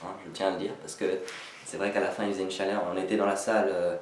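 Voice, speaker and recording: A man talking casually to viewers in a vlog, rambling, halting and self-deprecating. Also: low voice, level tone. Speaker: amateur sketch writer introducing own video. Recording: echoey, slightly noisy, distant microphone.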